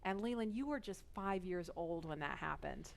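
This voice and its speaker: A woman's voice: on the low side, lively intonation, moderate pace, creaky. A woman giving live broadcast commentary as the host of launch coverage.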